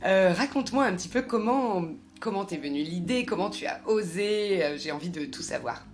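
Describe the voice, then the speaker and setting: A woman with a French accent hosting a podcast, reading a measured scripted intro and then chatting with her guest. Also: mid-range voice, lively intonation, a little hiss or hum. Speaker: podcast host.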